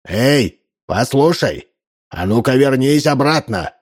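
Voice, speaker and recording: Casting: shrill, creaky old chief, hot-tempered and threatening, put on by a male reader. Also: expressive, takes it slowly. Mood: furious. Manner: shouting threats.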